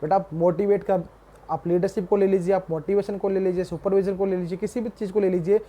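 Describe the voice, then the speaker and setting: A young man teaching a commerce class, reading English definitions slowly and then explaining them in a mix of Hindi and English while calling his students "beta". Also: high-pitched, fairly even intonation, mellow. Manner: addresses students fondly as "beta". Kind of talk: classroom lecture.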